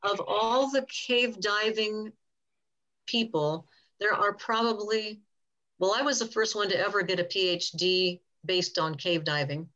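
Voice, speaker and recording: A woman's voice: medium pitch, fairly even intonation, unhurried, fairly bright tone. Older lady scientist rambling through questions on a zoom call, kinda muffled. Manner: chatty, rambling, self-correcting. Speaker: guest speaker, cave diving scientist. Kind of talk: casual Q&A on a video call. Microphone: video call.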